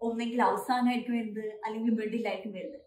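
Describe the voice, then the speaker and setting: A woman from Kerala with a Malayali accent, teaching English pronunciation and modelling each word slowly and deliberately. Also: fairly high pitch, steady tone, a little mellow, slight background noise. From Kerala, India. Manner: slow, deliberate modelling of words. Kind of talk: bilingual pronunciation lesson. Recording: echoey room.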